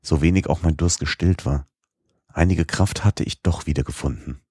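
Deep husky male audiobook narrator. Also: normal speed, no room sound, studio quality. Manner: expressive reading, voicing the dialogue. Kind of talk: scripted narration of a classic novel.

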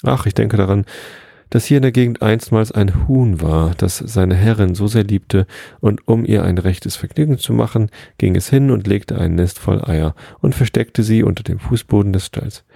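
A man's voice: on the low side, moderate pace, vocal fry, warm tone, dry recording, studio quality. A man voicing a proud, scornful male crow chief who muses and tells tales, in a read-aloud storybook. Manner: scornful, musing.

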